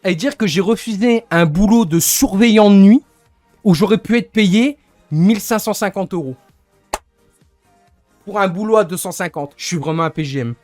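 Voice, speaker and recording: A man's voice: sits high, normal speed, long pauses, darkish tone, no room sound, faint music behind. A young man venting to his stream chat in a rambling, annoyed way, often searching for words. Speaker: livestreamer.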